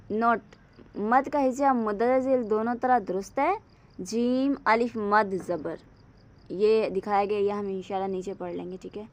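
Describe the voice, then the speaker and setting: A woman with a fairly high voice teaches Quran reading in a recorded lesson. She draws each letter and word out slowly, then speeds up to explain the rules. She asks questions and keeps checking that her listeners follow.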